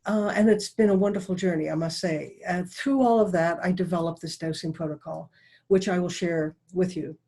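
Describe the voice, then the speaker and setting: A middle-aged woman giving an online talk as a dowsing presenter, speaking quickly and earnestly with restarts and asides. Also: lowish voice, steady tone, warm tone. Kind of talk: online talk over a video call. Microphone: video call.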